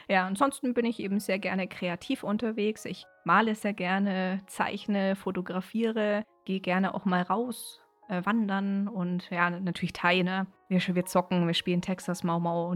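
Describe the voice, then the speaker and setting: A woman's voice: mid-range voice, fairly even intonation, unhurried, faint music behind. A woman in her thirties co-hosting a casual podcast, breaking into laughter often. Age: 30s. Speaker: podcast co-host.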